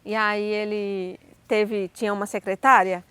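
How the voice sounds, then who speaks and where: A woman with a Brazilian Portuguese accent who tells her life story as a personal testimony in an animated way, acting out the dialogue. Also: medium pitch, a little slow, clean tone, no echo.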